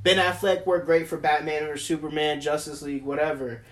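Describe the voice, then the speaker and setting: A man's voice: on the high side, little pitch movement, a little fast. Laid-back young man, podcast co-host. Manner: laid-back, hedging with likes and ums. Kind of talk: casual chat.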